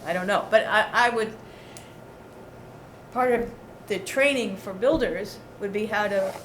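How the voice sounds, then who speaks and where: A woman's voice: medium pitch, a little slow, fairly bright tone. A woman talking in an outspoken, conversational way at a committee meeting. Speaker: committee member at a local meeting. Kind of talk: informal meeting discussion. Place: indoor meeting room. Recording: echoey meeting room with clear background noise.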